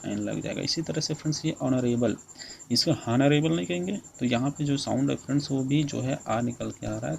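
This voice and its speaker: A man's voice: medium pitch, gravelly, darkish tone, a little hiss or hum, poor audio. Man teaching English grammar in Hindi. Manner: repeats "friends" often, explains slowly; reads English rules slowly and deliberately.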